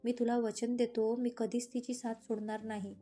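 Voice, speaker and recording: A woman voicing a worried, protective young man speaking gently to his sister in an audio story. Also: a little high, little pitch movement, normal speed, faint music behind, lightly acted. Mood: tender. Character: worried young adult brother, tender and protective.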